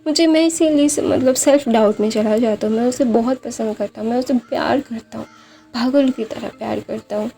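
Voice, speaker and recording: Woman doing insecure young man, tearful, halting, pleading, soft mellow tone. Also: a little high, fairly even intonation, faint music behind, lightly acted.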